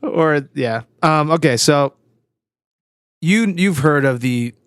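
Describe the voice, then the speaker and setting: A young man co-hosting a casual podcast, joking in quick banter. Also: on the high side, lively intonation, a bit bright, clean tone, dry recording, studio quality. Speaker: podcast co-host. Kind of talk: casual chat.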